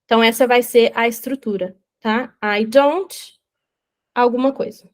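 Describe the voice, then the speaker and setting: A young woman with a Brazilian Portuguese accent teaching an online English grammar lesson in a lively, explanatory way, often checking in with her students. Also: fairly high pitch, measured pace.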